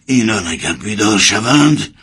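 A man playing a grave, husky elder leader. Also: fairly low pitch, very animated, fairly bright tone, exaggerated voice. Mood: solemn. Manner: solemn, measured. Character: grave older male leader, calm and wise.

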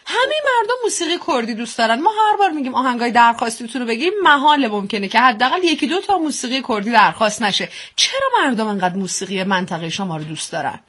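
Higher-pitched woman radio host. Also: lively intonation, few pauses, a bit bright. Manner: polite, short questions. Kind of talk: radio interview.

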